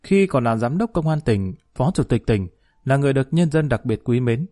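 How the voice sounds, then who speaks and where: A man narrating a story audiobook in a measured, even manner. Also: mid-range voice.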